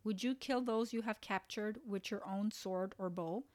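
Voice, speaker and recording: A woman reading as a calm old prophet. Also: medium pitch, normal speed, no echo, natural voice. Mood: reassuring. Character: calm ancient male prophet, reassuring.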